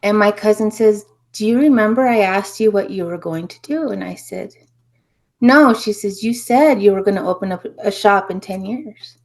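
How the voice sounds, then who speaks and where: A woman from New Mexico, a spiritual healer guest, telling her story in an earnest, reflective way that often trails off softly. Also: mid-range voice, normal speed. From New Mexico, USA. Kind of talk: casual interview storytelling.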